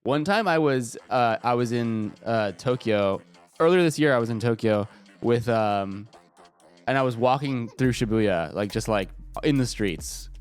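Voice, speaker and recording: A man's mid-range voice comes across as smooth, expressive, and unhurried as he chats live on stream. A little congested and stuffy, he jokes casually with lots of cursing, using a desk microphone, and faint music plays in the background.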